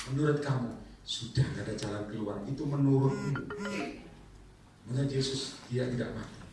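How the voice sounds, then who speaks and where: A male evangelist, preaching an animated sermon that swings into loud shouted peaks and acted-out scenes. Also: mid-range voice, normal speed, music in the background. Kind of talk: lively church sermon. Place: large church hall. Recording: echoey hall, distant mic.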